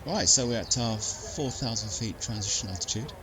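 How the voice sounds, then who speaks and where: A man's voice: on the low side, animated, moderate pace. A man narrating a simulated flight as the pilot, mixing casual commentary with clipped, matter-of-fact cockpit callouts and radio calls. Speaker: flight sim pilot streaming. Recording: clearly noisy background.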